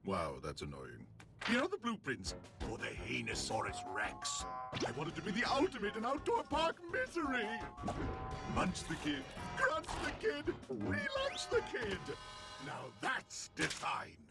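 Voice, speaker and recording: An actor voicing a gleeful, childish cartoon tyrant who cackles and taunts in a sing-song way. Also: male voice, high voice, wildly swooping pitch, a little slow, creaky, heavily acted. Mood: scheming. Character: gleeful petty tyrant man, loud and childish. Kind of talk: cartoon voice acting. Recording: cartoon audio over loud music.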